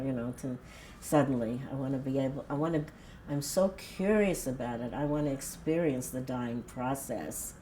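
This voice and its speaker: A very deep, dark-toned voice belongs to an elderly Brooklyn woman in her 80s, a retired nurse who organizes death cafes. Interviewed at home for a documentary, she is plain-spoken, frank and thoughtful. Slight background noise can be heard.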